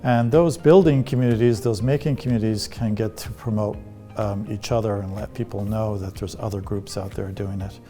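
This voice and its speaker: A middle-aged man from Ireland talks through an interview, pausing often and stringing his thoughts together with fillers. His voice is dark and mellow, with faint music playing behind him. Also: fairly low pitch, steady tone. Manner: hesitant, halting with many fillers. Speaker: artist in residence.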